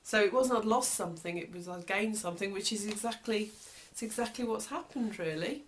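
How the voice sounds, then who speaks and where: A woman's voice: mid-range voice, brisk, slight background noise. A British woman talking casually in a personal video diary, reflective and hesitant, often trailing off mid-thought. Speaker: vlogger.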